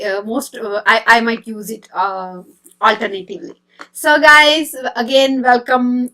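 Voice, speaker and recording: A woman hosts a casual live stream, her voice sitting a little above the usual range. She talks in a friendly, chatty way, pausing often with ums and uhs and restarting sentences. She greets viewers by name as she goes. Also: fairly high pitch, sharp tone. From India. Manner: chatty and hesitant, many fillers and restarts. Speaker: host of a healthy-eating live stream.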